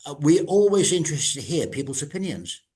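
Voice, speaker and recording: A man's voice: fairly high pitch, big pitch swings, fairly quick, darkish tone. An older man hosting a podcast interview, chatting casually and rambling through asides and restarts. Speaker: podcast host.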